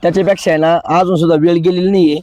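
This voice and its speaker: A man playing a soft-spoken nervous young boyfriend. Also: high voice, level tone, rapid-fire, dry recording, muffled recording, natural voice. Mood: pleading.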